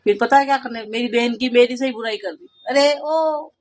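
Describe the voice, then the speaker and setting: A woman's voice: fairly high pitch, moderate pace, poor audio. A woman with an Indian accent telling a family story in a casual vlog, venting with aggrieved energy and acting out the dialogue. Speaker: vlogger.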